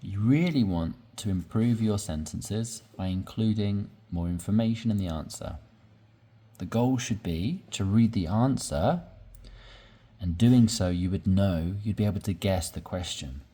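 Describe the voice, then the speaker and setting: A man teaching English, slowly explaining sentence patterns and repeating examples with patience. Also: on the low side, warm tone. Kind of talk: slow explanatory lesson.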